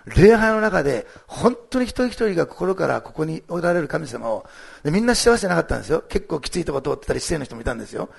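A man's voice: a little high, very animated, fast talker, vocal fry, breathy edge. A male pastor giving a sermon, telling a testimony story in a chatty way with frequent tags to the congregation. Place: church service streamed online.

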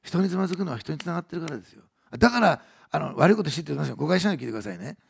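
A man preaching a sermon as pastor, earnest, moving between soft hushed passages and raised emphatic lines. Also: on the high side, very animated, rapid-fire, vocal fry, a little hiss or hum.

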